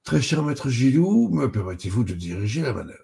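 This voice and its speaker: A man's voice: lowish voice, gravelly, dark tone, husky, full character voice. A man doing Jim Billard, a bossy cheerful female chef. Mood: mock-solemn. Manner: brisk, commanding, playful.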